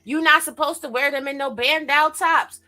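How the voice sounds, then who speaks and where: A woman's voice: high-pitched, steady tone, moderate pace, bright, forceful tone. A woman on a casual panel chat, teasing and sassy, with faint music behind her. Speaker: panel guest.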